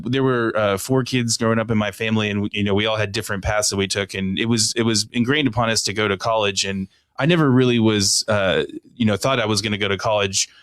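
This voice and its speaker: A man in his thirties from Oklahoma, a guest candidate chatting in a podcast studio with quick restarts and fillers. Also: fairly low pitch, fairly even intonation, a bit bright, dry recording. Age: 30s. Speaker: city council candidate, guest. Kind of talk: casual podcast conversation.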